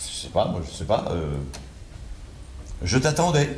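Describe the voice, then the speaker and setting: A man's voice: lowish voice, very animated, measured pace, a little mellow. A man playing a rambling, stammering ex. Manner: rambling, stammering, laughing nervously. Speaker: jilted ex-partner. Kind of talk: amateur audio drama. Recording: roomy amateur recording with noise.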